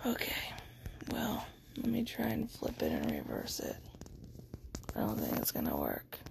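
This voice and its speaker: A woman with a hoarse, scratchy throat talking in a tired, mostly whispered voice in a casual video diary. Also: extremely low pitch, wildly swooping pitch, measured pace. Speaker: vlogger recovering from surgery.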